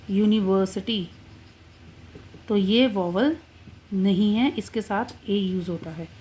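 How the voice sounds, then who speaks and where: A woman teaching English grammar, drawing out example words slowly to stress their sounds. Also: medium pitch, warm tone, slight background noise. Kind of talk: classroom-style grammar lesson.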